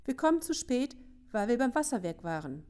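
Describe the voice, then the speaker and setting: A woman's voice: on the high side, fairly quick, clean tone, voice pushed up. A woman reading aloud, voicing an insistent boy eager to share news. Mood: excited. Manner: excited, insistent. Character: boy bringing bad news, impatient.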